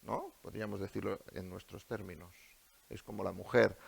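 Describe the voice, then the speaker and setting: A man's voice: sits low, fairly even intonation, moderate pace, creaky, slightly rough. A male preacher with a Spanish accent delivering a sermon in a church, asking the congregation many rhetorical questions. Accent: Spain.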